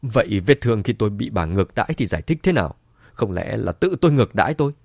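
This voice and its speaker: A man voicing an angry older father who sneers in a low voice. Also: animated, fairly quick, darkish tone, no echo, studio quality. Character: furious older father, bitter and cold.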